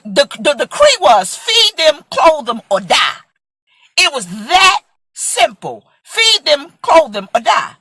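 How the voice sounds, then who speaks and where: Woman in her 40s preaching hard on a vlog, lively swooping voice, dry close sound. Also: sits high, no room sound. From Brooklyn, USA. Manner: impassioned, emphatic, acts out quoted voices. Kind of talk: vlog sermon.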